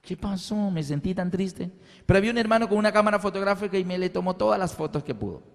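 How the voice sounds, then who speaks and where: A man of middle age preaches in a sermon-storytelling manner, his slightly high voice carrying a long reverb tail through a large hall. He tells his story lively and acts out every exchange. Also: fast, vocal fry. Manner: animated, acts out dialogue in voices.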